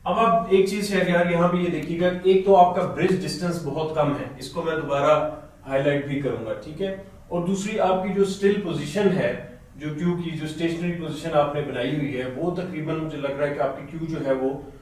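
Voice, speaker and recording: A man from Pakistan, a snooker coach with a sore throat, patiently going through a student's video and telling a helper when to play and pause it. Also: fairly high pitch, darkish tone. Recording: very echoey room, mic at a distance.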